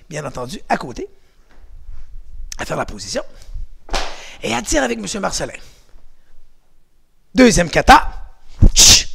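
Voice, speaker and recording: Énergique professeur de karaté, voix haute. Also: male voice, high voice, creaky. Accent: Québécois French. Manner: energetic coaching, shouted counts and kiai cries. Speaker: karate instructor. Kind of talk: home workout class for kids.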